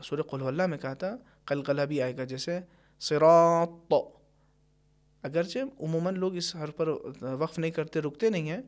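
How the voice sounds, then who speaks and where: Patient man teaching Quran pronunciation. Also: on the high side. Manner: patient, explains carefully, stretches words when demonstrating. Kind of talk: tajweed lesson with slow recited examples.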